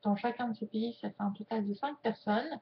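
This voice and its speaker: A woman with a fairly high voice chats casually to her viewers, joking as she goes. She slows her words at times while she signs. The recording sounds dull and lo-fi. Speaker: YouTuber teaching sign language. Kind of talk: casual chat to camera.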